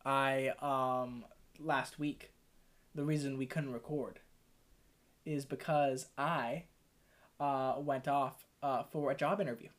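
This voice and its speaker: A man co-hosting a comedy podcast, teasing his partner with playful, deadpan jokes. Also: medium pitch, slow, long pauses. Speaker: podcast co-host. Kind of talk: improvised comedy banter.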